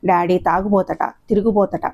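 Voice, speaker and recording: A woman's voice: mid-range voice, fairly even intonation, moderate pace, dark tone, highs cut off, natural voice. A woman voicing a tearful young daughter who pleads plaintively. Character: young adult daughter, tearful and longing for her father.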